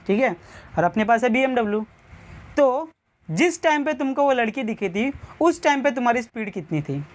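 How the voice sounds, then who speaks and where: A man teaching a physics lesson, asking questions and answering them himself, cracking jokes along the way. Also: very high voice. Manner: jokey, quizzes and answers himself. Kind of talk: classroom lecture.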